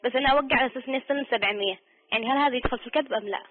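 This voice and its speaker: Woman caller, halting and repetitive, rapid speech, phone-line sound. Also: high-pitched. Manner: hesitant, repeating herself with many fillers. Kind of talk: phoning in a question. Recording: tinny phone line on radio.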